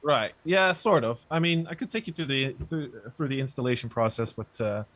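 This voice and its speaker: A man guesting on a webcast over a video call, explaining and demoing software in a relaxed, hesitant way with many fillers. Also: medium pitch, brisk. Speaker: guest software developer and producer. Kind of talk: casual explanation and demo. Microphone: video call, sits back from mic.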